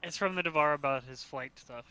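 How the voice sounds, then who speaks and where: A man's voice: on the high side, fast, crowd noise. A man playing a tabletop game in casual chat, laid-back and chuckling. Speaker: player.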